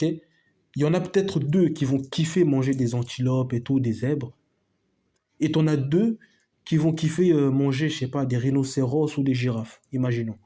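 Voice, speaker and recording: Speaking in a mellow, mid-range voice, this man hosts a video where he casually shares his opinions with viewers. His monologue is emphatic and repetitive, peppered with slang and side comments aimed at his friends.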